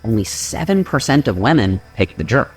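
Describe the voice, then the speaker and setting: A man narrating a scripted fitness explainer in a measured, data-driven way. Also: medium pitch, big pitch swings, breathy edge, soft background music.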